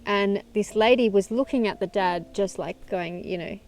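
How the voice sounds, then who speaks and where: A woman's voice: medium pitch, normal speed, slight background noise. A woman hosting a self-help video, speaking to camera in an earnest, encouraging and conversational way. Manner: earnest, encouraging, conversational, with frequent soft laughs. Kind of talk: direct-to-camera motivational talk.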